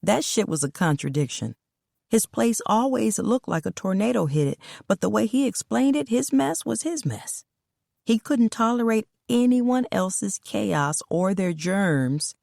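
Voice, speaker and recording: Woman reading a story, steady and plain, dry close sound. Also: mid-range voice, gravelly, dry recording. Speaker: audiobook narrator. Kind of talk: scripted story narration.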